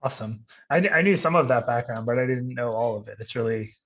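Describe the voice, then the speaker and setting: A man's voice: mid-range voice, fast. A man hosts a live online coding class over a video call, easygoing and a little filler-heavy. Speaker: bootcamp host.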